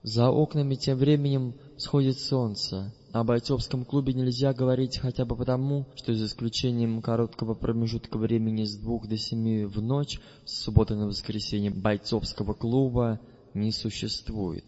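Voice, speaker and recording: This is first-person audiobook narration by a man, whose mid-pitched voice is darkish, flat, and carefully measured. The recording is lo-fi and somewhat muffled, dull in quality, with lengthy reverb echoing after his phrases.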